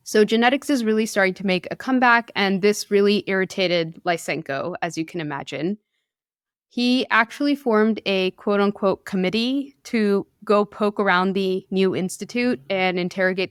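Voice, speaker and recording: A woman's voice: medium pitch, clear, resonant tone, no room sound, clean studio sound. A woman hosting a podcast, telling a science story in a casual, chatty way with frequent laughs and self-deprecating asides. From India.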